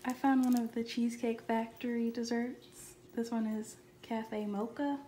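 A woman talks through her grocery haul in a relaxed, matter-of-fact way. Her pitch barely moves. The room rings with echo, and noise sits clearly behind her. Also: measured pace. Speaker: vlogger. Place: home kitchen.

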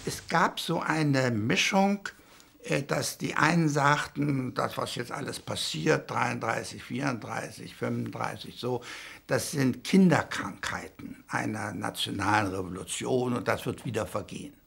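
An elderly man in his eighties reflects as an interviewee. His voice is extremely creaky and husky, and he sets out his thoughts deliberately in short phrases. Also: mid-range voice, a bit bright. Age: 80s. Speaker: eyewitness interviewee.

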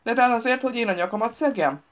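A woman's voice: fairly high pitch, lively intonation, voice pushed up, close to an everyday voice. A woman doing a bossy, indignant old granny. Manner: indignant and sharp. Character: bossy, shrill old mother-in-law. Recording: dull lo-fi recording.

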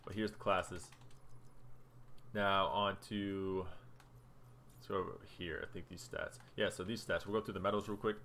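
A man's voice: low-pitched, little pitch movement, moderate pace, long pauses, a bit bright, a little hiss or hum. A young man casually talking through his game stats as a gaming video creator, chatty and loose while scrolling through menus. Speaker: gaming YouTuber. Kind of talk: casual gameplay commentary.

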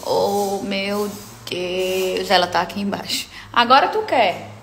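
A woman's voice: mid-range voice, slow pace, gravelly, fairly bright tone, a little hiss or hum. Playful woman vlogging. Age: 30s. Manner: playful, fussing over her pets. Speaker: digital influencer. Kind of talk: casual vlog chat.

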